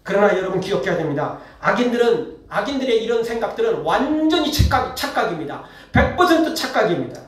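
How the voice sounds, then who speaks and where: A man's voice: high voice, sing-song, quick pace, few pauses, soft background music. A male pastor giving a conversational sermon, acting out blunt voices as he tells it. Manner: conversational preaching, acts out the wicked in blunt speech. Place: church sanctuary. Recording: echoey church hall, mic at a distance.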